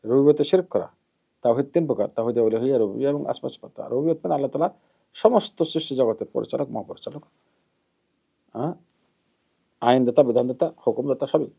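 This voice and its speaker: Calm preacher man, dark muffled voice. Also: medium pitch, creaky, husky. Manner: measured, repeats key terms, often trails off softly at the end of a phrase. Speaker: Islamic preacher. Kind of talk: hadith lesson, explaining and admonishing. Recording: dull lo-fi recording.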